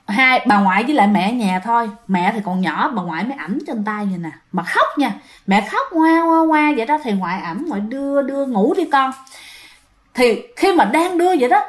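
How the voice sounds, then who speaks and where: Woman ghost-story narrator, higher voice, lively. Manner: animated, addresses listeners directly.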